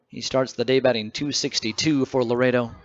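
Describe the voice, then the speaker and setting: A man announcing a baseball game play-by-play, reading stats and scores between pitches in a conversational way. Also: fairly even intonation, fairly quick, lo-fi sound, some chatter behind. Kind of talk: radio baseball commentary.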